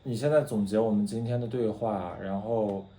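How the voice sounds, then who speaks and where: A man practicing English, speaking haltingly with many fillers and restarts. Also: on the low side, steady tone, mellow, roomy sound. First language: Mandarin Chinese. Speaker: English learner. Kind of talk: practice conversation.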